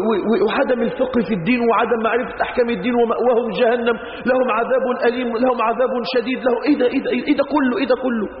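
A man preaching a sermon with an Egyptian Arabic accent, emphatic, repeating phrases and asking rhetorical questions. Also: very high voice. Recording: echoey hall, dull lo-fi sound.

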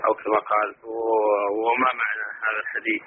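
Male caller, very flat lowish voice, quick formal questions, halting, thin hissy phone line. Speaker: caller to a religious programme. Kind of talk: formal questions in classical register. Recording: narrow tinny phone line with hiss.

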